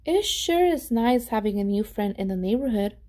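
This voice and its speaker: A woman's voice: fairly high pitch, lively intonation, normal speed, warm tone, natural voice. A woman voicing an earnest, anxious young boy in a storybook read-aloud. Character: young boy narrator, earnest and anxious about his friend.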